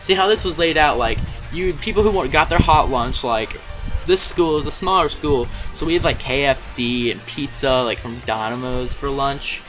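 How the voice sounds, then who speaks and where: A man telling a story in a casual vlog, offhand and full of swearing, often clearing his throat. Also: medium pitch, normal speed, over music. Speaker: YouTuber.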